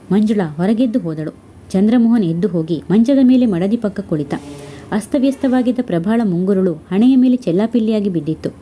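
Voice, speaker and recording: A woman reading a story aloud in a steady, measured way. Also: mid-range voice, a little hiss or hum. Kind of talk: scripted story narration.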